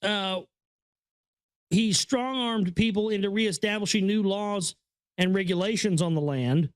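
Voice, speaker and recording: The speaker, a man whose voice sits high, reads a book out loud and comments on it casually as he goes. Earnest and awed, he rambles, stammers and repeats phrases at a measured pace. No echo.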